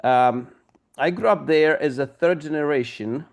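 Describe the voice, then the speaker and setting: This middle-aged male pastor, Romanian-accented, has a slightly high voice with vocal fry. He asks a long, halting question at a discussion, full of pauses and fillers.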